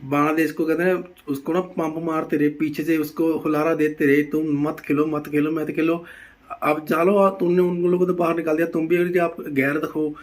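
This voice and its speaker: Male host, furious abusive rant, fairly high pitch, flat delivery. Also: brisk. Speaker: reaction video host. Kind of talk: angry rant commentary.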